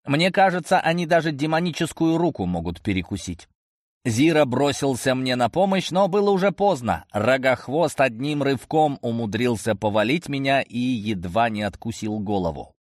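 A man's voice: mid-range voice, expressive, normal speed, no room sound, clean studio sound. A man narrating a first-person fantasy audiobook in a tense, action-driven way.

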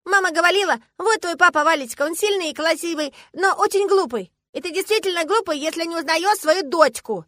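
A stubborn little girl, very high and fast. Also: a bit bright, no echo, studio quality. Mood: indignant. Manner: insistent, scolding like a teacher. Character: stubborn five-year-old girl, bold and indignant.

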